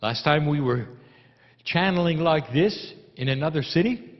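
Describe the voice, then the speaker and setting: A man delivers a solemn channeled address in deliberate phrases, his somewhat high voice rising and falling widely. The recording is slightly muffled, with the long reverb of a hall. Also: lively intonation. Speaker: spiritual channeler.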